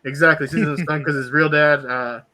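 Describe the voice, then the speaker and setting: A man's voice: fairly high pitch, steady tone, fast talker, crowd noise. A man in a casual group chat who talks animatedly, acting out quotes with lots of fillers.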